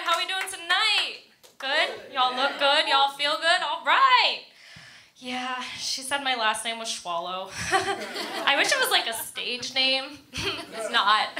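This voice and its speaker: A stand-up comedian from Florida, United States, performs a set on an indoor comedy club stage, speaking with an American accent. Her fairly high voice has a bright, forward edge, and she tells casual, self-deprecating stories, often giggling through them. The live club room is echoey.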